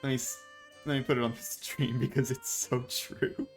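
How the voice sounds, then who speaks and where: A man's voice: mid-range voice, steady tone, normal speed, faint music behind. An American man in his thirties, chatting casually and animatedly to a live stream audience with a self-mocking streak. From United States. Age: 30s. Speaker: VTuber streamer.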